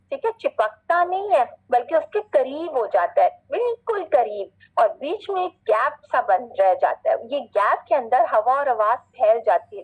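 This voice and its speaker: A woman teaching Quran pronunciation in an online class, patiently explaining and checking in often, then drawing out Arabic words slowly as she recites. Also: sits high, narrow, tinny audio.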